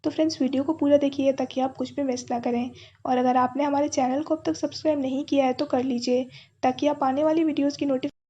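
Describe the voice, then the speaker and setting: High-voiced woman narrating a drama recap. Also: fast talker, slight background noise. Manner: steady storytelling, reads all dialogue in the same voice. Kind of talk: scripted story narration. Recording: dull lo-fi sound.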